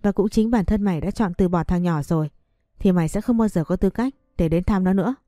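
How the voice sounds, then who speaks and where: Woman voicing a domineering old mother-in-law, contemptuous, scolding, low voice, dry sound. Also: a little fast, dark tone, dry recording, faint music behind, lightly acted. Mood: scornful.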